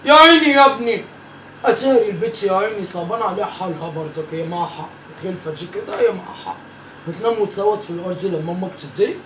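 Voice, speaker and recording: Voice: mid-range voice, expressive, rapid-fire, natural voice. Someone playing a bossy Egyptian granny, Bomba. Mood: bossy teasing. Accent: Egyptian Arabic. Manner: scolding, teasing, repeats herself. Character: bossy, teasing Egyptian grandmother scolding her grandkids. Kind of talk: comic family sketch. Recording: roomy echo, from far off, faint noise.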